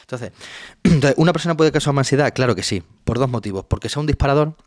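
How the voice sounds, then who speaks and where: A man's voice: mid-range voice, animated, fast talker, no echo, studio quality. A man, a psychologist guest, explaining a topic patiently in a webinar and often checking in with his listener.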